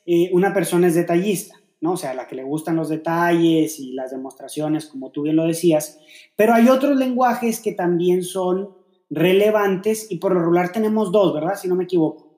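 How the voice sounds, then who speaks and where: A man's voice: high voice, moderate pace, dark tone. Man musing on a podcast, echoey. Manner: reflective, explains with many fillers and rhetorical questions. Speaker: podcast co-host. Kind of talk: casual faith-based relationship chat. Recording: echoey room.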